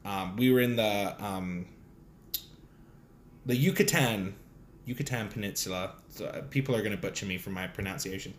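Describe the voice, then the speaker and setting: A man co-hosting a casual podcast, telling stories in an animated way, with big swings in pitch and loudness. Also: moderate pace, long pauses, slight background noise. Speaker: podcast co-host. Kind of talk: casual chat on a live podcast. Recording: roomy echo.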